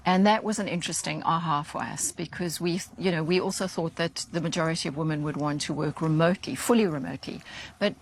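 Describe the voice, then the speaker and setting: Female interview guest, slightly low pitch, measured articulate explainer, faint ambience behind. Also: slight background noise. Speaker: interview guest presenting research findings.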